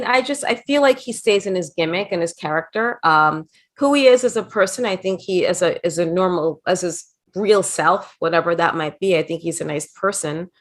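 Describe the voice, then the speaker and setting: A middle-aged woman guest in a casual interview, telling chatty anecdotes and slipping into quoted voices. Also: medium pitch. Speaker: interview guest, former wrestling manager.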